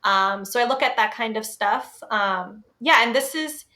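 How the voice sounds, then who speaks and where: A woman's voice: a little high, a little slow, sharp tone. A young adult woman co-hosting a podcast in a casual, conversational style. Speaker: podcast co-host.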